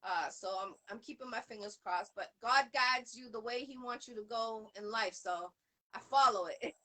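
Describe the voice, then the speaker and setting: A woman with a Boston accent hosts a casual interview. Her voice sits high and sounds bright and forward. She talks earnestly, wandering through thoughts with frequent "um"s and restarts. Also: moderate pace, poor audio. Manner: earnest, rambling with many fillers. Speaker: show host.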